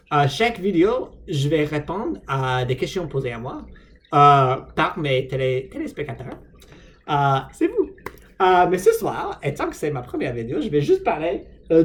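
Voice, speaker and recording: American man, English native, unscripted French vlog; animated pitch, hesitant and self-mocking. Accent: American, speaking French as a learner. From United States. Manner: hesitant, many fillers and restarts, self-deprecating. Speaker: vlogger.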